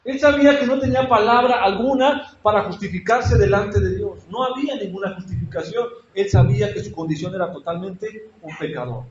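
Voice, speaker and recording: A man's voice: high-pitched, fairly quick, hardly any pauses, a little hiss or hum. A man preaching a sermon in a church, asking his congregation questions and acting out prayers with feeling. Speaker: pastor. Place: church hall. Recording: echoey church hall, dull lo-fi sound.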